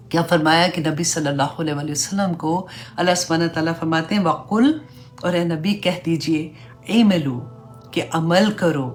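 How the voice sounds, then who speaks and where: A religious teacher with a lowish voice leads an Islamic class, slowly reciting Arabic prayer phrases. She then explains each one earnestly and conversationally, mixing in English fillers.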